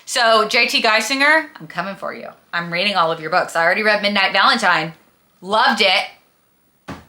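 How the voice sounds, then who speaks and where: This book vlogger's medium-pitched voice is pushed and bright, with lively intonation at a normal speed. She chats casually through her review in a gushing, emphatic, and dramatic manner, peppered with slang.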